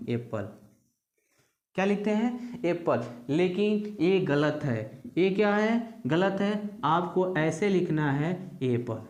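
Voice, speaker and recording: A woman gives an English lesson, pitching each question and then answering it herself, over and over. Her voice sits at a middle pitch. It carries around a bare, echoing room. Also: a little mellow. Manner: repetitive question-and-answer drilling. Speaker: English teacher. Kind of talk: classroom lesson.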